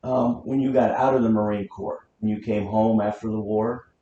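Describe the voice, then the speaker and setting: A man's voice: fairly low pitch, steady tone, moderate pace, dark tone. An American man interviewing someone, asking simple questions in turn. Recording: muffled, echoey room, faint noise.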